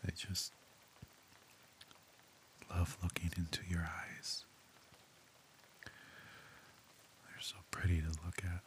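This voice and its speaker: A man speaking in a soft, tender, intimate whisper as if close to the listener's ear, in an ASMR roleplay. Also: low voice, monotone, drawn-out words, pauses often.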